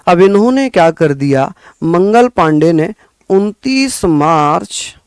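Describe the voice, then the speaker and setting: Man, teacher, drills facts by repetition, high-pitched, dry close recording. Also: animated, a little mellow, smooth, dry recording. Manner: repeats key facts slowly, drilling students; scolding but caring pep talk. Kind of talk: exam-prep history lesson.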